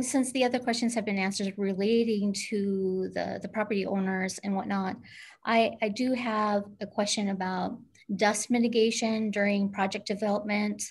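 Woman, council member, mid pitch, earnest, measured, video call. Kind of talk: council meeting questioning.

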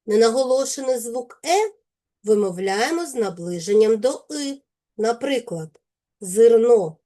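Ukrainian-accented woman teacher, unhurried, precise over each word, warm-toned. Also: on the high side. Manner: slow, careful, deliberate enunciation of sounds and words. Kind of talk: scripted lesson for children.

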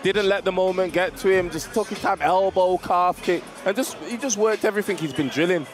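A man's voice: high voice, a little fast. A man co-commentating live on a fight, admiring and repeating his phrases.

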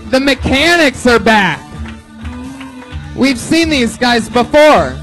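A man hosting a live comedy show, excitedly calling out guesses and laughing as performers come on stage. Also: very high-pitched, slow pace, soft background music. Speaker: host.

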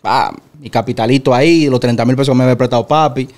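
A young Dominican man, an interview guest, telling his business story in a casual, animated way. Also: mid-range voice. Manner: fast, animated storytelling with laughs. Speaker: interview guest, clothing store owner.

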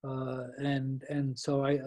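A man in his eighties from the Netherlands, speaking at a remote lecture in a halting way with many restarts and fillers. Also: medium pitch, completely flat delivery, a little mellow. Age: 80s. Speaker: Holocaust survivor speaker.

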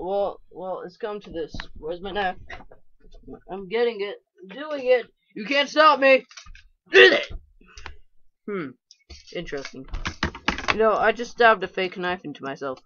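A gamer chatting to themselves through casual let's-play commentary, playfully frustrated and muttering pep talks at a mid pitch. The home mic sounds slightly dull and lo-fi, with faint keyboard and mouse clicks and light hiss behind. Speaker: gameplay commentator.

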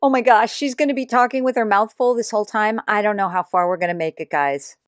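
A woman's voice: mid-range voice, fast talker, dry recording. Woman commentator, sarcastic reaction host, dry close sound. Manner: sarcastic, mocking asides. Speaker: YouTube commentator.

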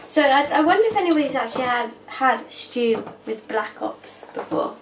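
A woman's voice: sits high, lively intonation, moderate pace. A woman in her thirties chatting casually as she cooks in her home kitchen. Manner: chatty, talks while working. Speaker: cooking vlogger. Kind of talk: casual cooking demonstration. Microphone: camera mic from across the room. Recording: echoey kitchen, distant mic, noisy. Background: clatter of pots and cutlery.

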